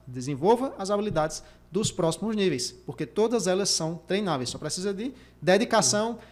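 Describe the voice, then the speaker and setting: A man hosting a career podcast, speaking emphatically and repeating his key points as he demonstrates speaking techniques. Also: high-pitched. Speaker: career coach and podcast host. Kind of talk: motivational podcast talk.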